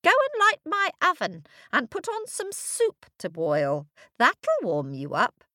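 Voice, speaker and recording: A shrieking old storybook witch, greedy and menacing, put on by a woman narrator. The voice leaps high and swoops all over, crooning one moment and screeching the next, with a dry close sound. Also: wildly swooping pitch, takes it slowly, bright, forceful tone, dry recording, heavily acted.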